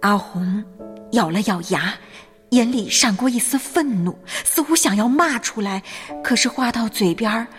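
A woman narrating a scripted story in a gentle, measured manner. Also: fairly high pitch, animated. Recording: reverberant hall with faint music. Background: faint background music.

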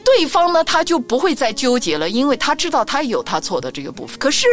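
Brief: middle-aged woman, co-host of a faith talk show, lively storyteller, soft music bed behind. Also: sits high, quick pace. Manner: animated storytelling, acts out quoted voices.

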